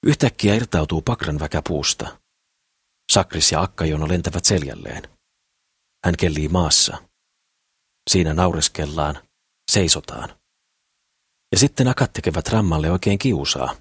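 A man narrates an audiobook in a calm, steady storytelling voice. His tone sits very low with a husky grain. The recording is close and dry, with no room sound. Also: pauses often, dry recording. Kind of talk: scripted narration.

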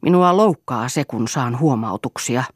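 A woman's voice: rumbling low, lively intonation, slightly rough, no echo, clean studio sound, exaggerated voice. A woman voicing a moody, self-pitying husband in an audiobook, speaking in sulky, boastful outbursts. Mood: agitated. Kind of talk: audiobook character reading.

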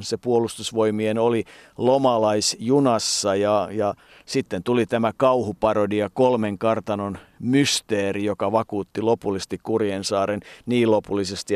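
Man talking thoughtfully, clear dry voice. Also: mid-range voice, darkish tone, no room sound. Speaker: host. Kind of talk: casual talk.

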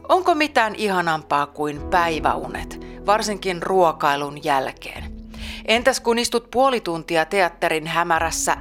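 Female presenter, lowish voice, playful scripted read over soft music. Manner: playful, teasing. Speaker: program presenter. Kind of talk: scripted narration.

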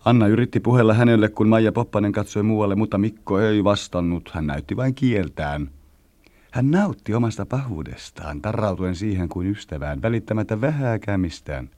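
Deep, dark-voiced man narrating a story. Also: dry recording. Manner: measured storytelling. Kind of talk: scripted narration.

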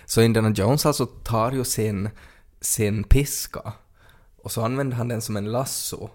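A man's voice: medium pitch, steady tone, darkish tone. A man co-hosting a podcast in casual chat, joking and riffing playfully on absurd ideas. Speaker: podcast co-host.

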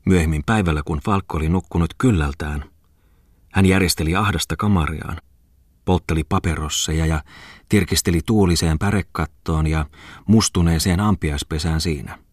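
A man reading a novel aloud as a calm, measured audiobook narrator. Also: deep voice, dry recording, studio quality. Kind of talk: scripted narration.

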